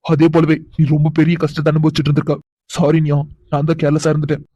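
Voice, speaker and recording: A woman's voice: deep voice, little pitch movement, very fast, mellow, dull audio. A woman doing a teasing, doting cartoon husband. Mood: remorseful. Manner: teasing, chuckling, coaxing. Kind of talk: animated cartoon voice acting.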